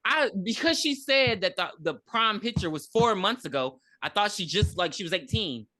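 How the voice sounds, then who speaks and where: A woman's voice: medium pitch, moderate pace. A woman in her thirties recapping a movie in casual, profane podcast chat, acting out the characters' lines as she goes. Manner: animated storytelling with acted-out quotes.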